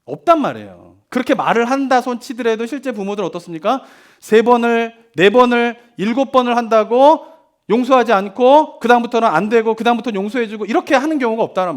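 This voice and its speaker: A middle-aged male pastor preaching a sermon in a chatty way, asking the congregation questions and acting out parents and children. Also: high-pitched. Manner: conversational preaching with frequent rhetorical questions; acts out parents and children in quoted lines.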